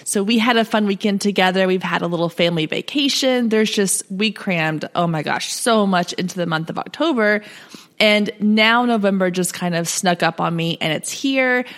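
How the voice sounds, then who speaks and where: A woman's voice: mid-range voice, moderate pace, fairly bright tone. A woman hosting a podcast in chatty, upbeat, informal talk, her voice scratchy and cracking from a sore throat. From Texas, US South. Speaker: podcast host. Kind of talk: casual solo podcast talk.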